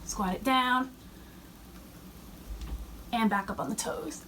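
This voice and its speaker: Young woman fitness coach talking thru a warmup while moving, kinda breathless, higher voice, mic a bit far off w/ faint room noise. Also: slow pace. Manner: cueing moves while exercising. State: slightly out of breath. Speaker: fitness instructor. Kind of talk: workout instruction. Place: fitness center.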